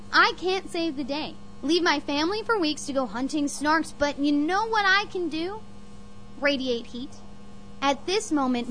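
An actress playing an earnest, stubborn young daughter with a pleading, thoughtful manner in an audio drama. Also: female voice, high-pitched, sharp tone, slight background noise. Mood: defiant, earnest.

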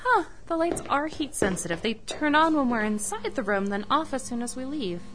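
An actress playing a patient, wry wife and mother who gently chides, in an audio drama. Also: high-pitched, animated, normal speed. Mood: wry, amused. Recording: noisy, humming amateur recording.

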